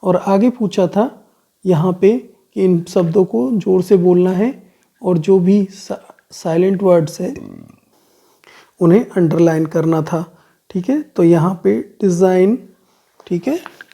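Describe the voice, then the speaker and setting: A man talks a class through a worksheet, moving at an unhurried, deliberate pace. His voice is mellow and gravelly with some fry. He reads English questions aloud, explains them in Hindi, and keeps checking in with a short "okay". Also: sits high. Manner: explains slowly, checking in with "theek hai" after nearly every point. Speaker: online teacher. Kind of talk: worksheet solution lesson.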